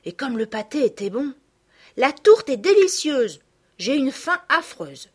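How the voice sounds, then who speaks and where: Woman doing a happy young girl, exclamatory, breathy and lively. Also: sits high, unhurried, pitched above the performer's own voice, full character voice. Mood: delighted.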